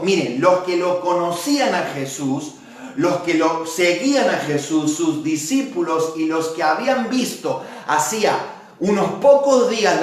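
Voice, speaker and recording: A man preaching a sermon as pastor, lively and dramatic, acting out the shouts of a crowd. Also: high-pitched. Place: church. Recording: very echoey church hall, mic far off.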